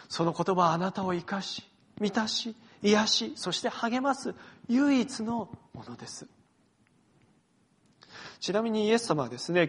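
A male pastor preaching a sermon to his congregation, earnest, swinging between forceful emphasis and hushed phrases and inviting them to read along. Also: sits high, slightly rough. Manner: addresses the congregation directly, invites reading along.

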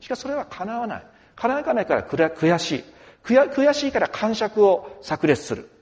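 A man preaching a sermon, lively and emphatic, with dramatic swings from quiet to loud. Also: sits high, moderate pace, in a large hall. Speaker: pastor.

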